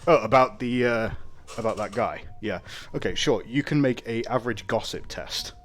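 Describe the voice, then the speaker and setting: A man running a tabletop game as game master, in a relaxed, hesitant way with many fillers. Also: mid-range voice, moderate pace, faint music behind.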